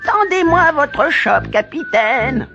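Man putting on a drawling, high-pitched old hag. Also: expressive, slow, dull audio, over music, heavily acted. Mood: sly, inviting. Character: old peasant woman, sly and wheedling hag. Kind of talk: French storybook tale acting.

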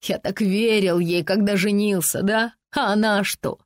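A woman voicing a blustering, domineering middle-aged man who talks loudly and emphatically in an audiobook. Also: mid-range voice, steady tone, unhurried, dry recording, studio quality, close to an everyday voice. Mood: insistent. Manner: loud, emphatic, tag questions.

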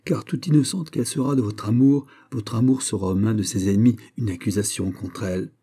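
A man's voice: fairly low pitch, fairly even intonation, brisk, breathy edge. Raoul, a man doing an earnest young nobleman. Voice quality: soft, harmonious voice. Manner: earnest, insistent lecturing. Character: young noble French gentleman, earnest and gently reproachful.

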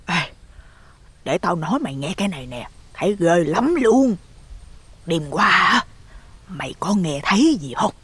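A man's voice: high voice, big pitch swings, slow, long pauses, a crowd in the background, voice pushed up, full character voice. Man voicing a gossipy old village woman. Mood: nosy. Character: gossipy plump village woman in her sixties, loud, nosy.

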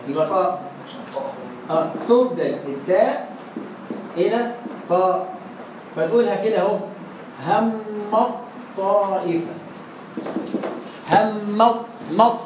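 A man with an Egyptian accent teaching Quran recitation in class, asking questions and answering them himself, drilling pronunciation. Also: very high voice. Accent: Egyptian Arabic. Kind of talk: classroom lesson. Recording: echoey room, faint background noise.

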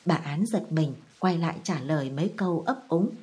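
A woman narrating a novel as an audiobook in a calm, even storytelling manner. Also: low-pitched, moderate pace.

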